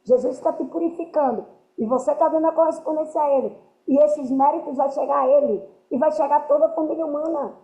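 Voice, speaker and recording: A woman's voice: high voice, fast talker, mellow. A woman giving earnest spiritual teaching to a group, often checking that her listeners understand. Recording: roomy, dull lo-fi sound.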